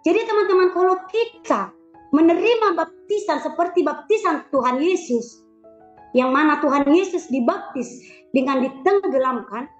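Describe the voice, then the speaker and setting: A woman's voice: sits high, lively intonation, normal speed. A woman giving an emotional personal faith testimony, repeating phrases and calling out prayers aloud. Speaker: former shaman giving a church testimony. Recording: roomy, dull lo-fi sound with faint music.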